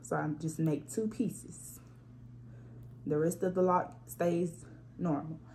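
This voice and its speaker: A woman's voice: lowish voice, slow pace, a little hiss or hum. A woman hosting a hair tutorial, casually talking through each step as she works with her hands, recorded on a propped-up phone. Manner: relaxed, instructive, talks through each hand step. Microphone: phone propped up on a spray bottle.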